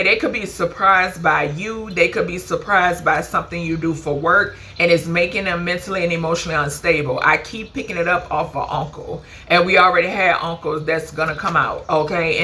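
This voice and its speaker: A woman with a fairly low, sharp-toned voice gives her viewers a casual channeled card reading over slight background noise. She's chatty and emphatic, swears casually, calls viewers "baby" and "honey," and ends nearly every phrase with a questioning "okay?"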